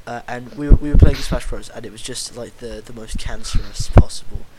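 A man's voice: mid-range voice, fairly quick, crowd noise, low-quality recording. A man hosting a casual podcast, rambling with lots of fillers and restarts. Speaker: podcast host. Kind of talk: casual chat. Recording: loud background noise.

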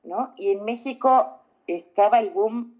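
A woman in an interview recalling the past in a slow, measured way. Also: medium pitch, dull audio. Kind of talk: reflective testimony.

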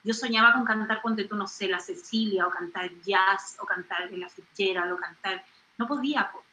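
Woman, Chilean accent, middle-aged, animated, exclaiming, echoey studio. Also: mid-range voice, normal speed, slight background noise. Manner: animated, exclaims and acts out voices. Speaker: singer and comedian guest. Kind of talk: studio interview.

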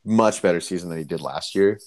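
A man hosting a casual fantasy basketball podcast, excitable, repeating his words and swearing freely. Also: low-pitched, quick pace. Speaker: podcast host.

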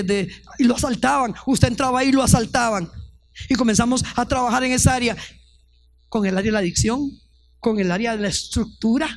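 A high-voiced, middle-aged woman pastor preaches her testimony with fervor. She acts out the people in her stories as she goes. The sound is dry and close. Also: no room sound. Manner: fervent storytelling, acts out quoted voices. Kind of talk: testimony sermon.

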